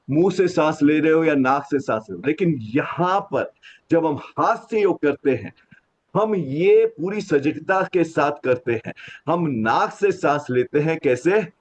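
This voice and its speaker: A man leading a laughter yoga class, counting aloud and explaining the exercises, switching into slow, deliberate English phrases. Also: a little high, lively intonation. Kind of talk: guided group exercise with explanations. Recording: dull lo-fi sound.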